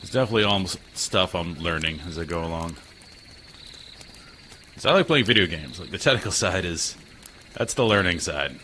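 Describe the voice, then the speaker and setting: In a casual live stream from his small spare room, a man with a low voice chats with viewers and makes fun of himself. He is expressive and sharp in tone, moving at a moderate pace with long pauses. A desk mic makes the sound slightly tinny, with faint noise.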